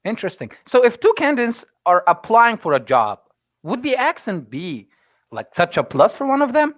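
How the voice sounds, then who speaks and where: An Egyptian man with Arabic as his first language hosts in English, often pausing to hunt for the right word. His voice runs high and swings widely in pitch. The sound is close and dry, but dull and lo-fi. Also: huge pitch swings, no room sound. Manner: hesitant, searches for words with many fillers. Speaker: host and English instructor. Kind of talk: interview questions.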